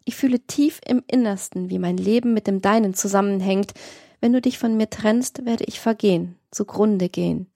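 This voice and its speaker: A woman's voice: medium pitch, normal speed, vocal fry, warm tone, no echo, clean studio sound. A woman voicing an imploring young man in a passionate love scene of an audiobook. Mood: pleading. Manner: fervent, imploring. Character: passionate pleading young male lover.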